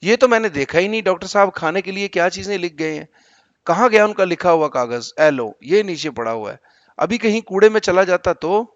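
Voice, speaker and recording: Fussy middle-aged housewife who nags and scolds, put on by a male teacher reading aloud; high voice, dry, muffled sound. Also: expressive, dry recording. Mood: fussing. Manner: nagging, shrill scolding.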